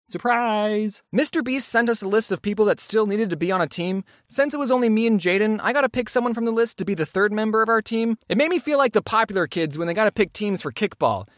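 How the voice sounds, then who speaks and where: A man telling a comic story for his animated channel, jokey and excitable, swinging his voice high and low. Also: quick pace, few pauses, no echo, studio quality. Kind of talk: comedic storytime narration.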